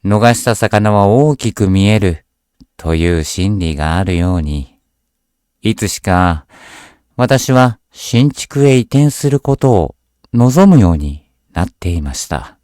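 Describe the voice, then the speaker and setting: A man reading a scripted horror story aloud as a narrator, in a measured, deliberate storytelling delivery. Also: fairly low pitch, lively intonation, a little mellow, clear, resonant tone, dry recording, clean studio sound.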